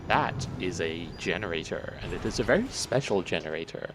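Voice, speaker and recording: A man's voice: low-pitched, lively intonation, fairly quick, background noise. A man giving casual, sweary commentary while he plays a game, joking with viewers. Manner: sweary, jokey, chatting to viewers while playing. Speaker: let's play host. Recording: voice over loud game sounds.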